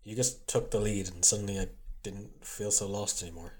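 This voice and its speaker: A young man playing an awkward, lovestruck college student in an intimate audio role-play, stammering and halting as he makes a confession. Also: lowish voice, fairly even intonation, a little mellow, natural voice. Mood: tender, wistful. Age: young adult.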